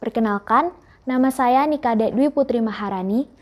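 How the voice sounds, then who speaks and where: A teenage girl giving a formal farewell speech on behalf of her class, in a measured, earnest delivery. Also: fairly high pitch. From Indonesia. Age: teens. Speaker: student speaker.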